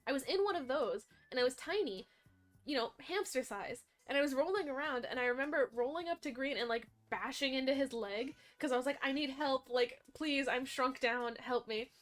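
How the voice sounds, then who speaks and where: A young woman, chatting casually and rambling with her stream audience, animated and often correcting herself. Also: high-pitched.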